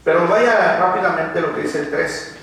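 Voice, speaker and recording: A man's voice: a little high, moderate pace, creaky, fairly bright tone. A man preaching a sermon to a congregation, often putting rhetorical questions to them. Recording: echoey hall, mic far off.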